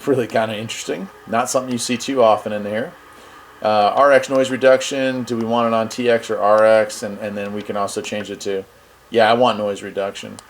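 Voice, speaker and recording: This radio review channel host has a lowish voice and a fairly quick delivery. Working a device, he muses aloud in an easygoing, folksy way during an informal product demo. Steady background noise runs under an otherwise clear recording.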